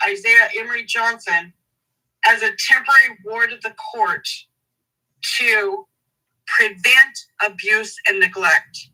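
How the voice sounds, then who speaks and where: A woman advocate in an interview, speaking emphatically and indignantly, slowing down to stress key words. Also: a little high, bright, forceful tone, recorded from a distance, poor audio. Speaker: advocate for a family in a custody case. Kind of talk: interview guest, reading court documents.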